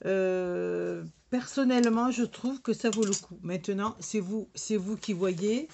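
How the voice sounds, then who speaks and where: A woman with a regional French accent walks through a crafting demo at an unhurried pace, stopping often for fillers and restarts. Her voice sits at a middle pitch, with a faint hiss in the background. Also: gravelly, dark tone. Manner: hesitant, many fillers and restarts. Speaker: crafting demonstrator. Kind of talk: casual product demonstration.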